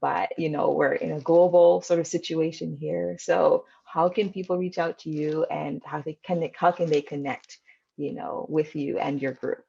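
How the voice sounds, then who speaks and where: Low, husky-voiced woman host. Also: fairly even intonation, moderate pace, dark tone, dull audio. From Canada. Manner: affirming, many filler words. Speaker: podcast host. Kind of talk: interview host recap.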